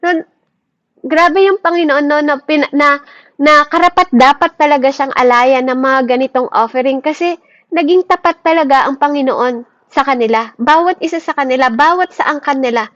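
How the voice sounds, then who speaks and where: A high-pitched Filipino woman leads a morning Bible devotion in an earnest, fervent way, checking in with "Amen?" after nearly every point. The recording is a little dull and muffled, with a dry sound and no room echo. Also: normal speed, fairly bright tone. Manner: earnest, fervent preaching with many restarts. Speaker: devotion leader.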